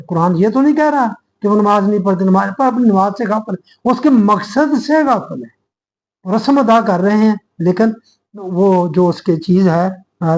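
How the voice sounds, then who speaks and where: A man with a Pakistani Urdu accent gives a sermon-style lecture in a fairly high voice. He speaks earnestly, addressing his listeners as brothers and reasoning aloud, restarting sentences as he explains. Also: darkish tone, low-quality recording. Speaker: religious speaker.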